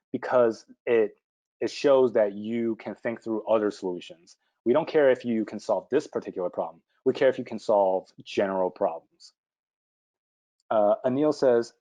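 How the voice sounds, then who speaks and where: A man presenting a live webinar, answering viewer questions quickly and informally, with frequent fillers and restarts. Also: lowish voice, mellow, dull audio.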